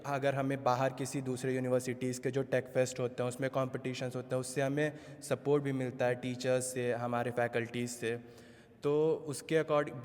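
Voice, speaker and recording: A young man in his twenties from Uttar Pradesh, a third-year student answering politely and respectfully, with fillers, in a casual interview. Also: mid-range voice. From Uttar Pradesh, India. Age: 20s. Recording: echoey room.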